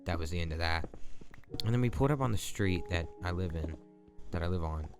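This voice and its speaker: A young gaming channel host with a low-sitting voice talks briskly, spinning a long and chatty story as he plays through a game. His storytelling rambles casually, and music plays in the background.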